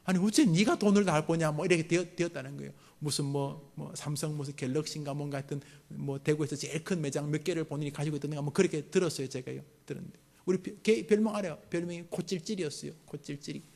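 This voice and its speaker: A man's voice: on the high side, quick pace, gravelly, hardly any pauses. A middle-aged man, a pastor giving a sermon to a mothers' prayer meeting, joking and acting out scolding parents. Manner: lively, jokes with the congregation and acts out parents' scolding.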